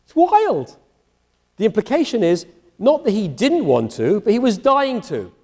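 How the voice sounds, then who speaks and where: A middle-aged man, a rabbi, giving an animated public lecture and acting out the dialogue as he goes. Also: high-pitched, a little slow. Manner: animated, acts out dialogue in voices. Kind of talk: lively university lecture. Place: large chapel hall. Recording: long reverb of a large chapel.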